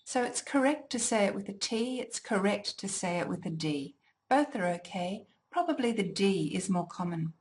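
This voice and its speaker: A woman teaching a language exam lesson, deliberately enunciating each word for listening practice. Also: medium pitch, animated, a little mellow. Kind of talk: slow, clearly articulated lesson.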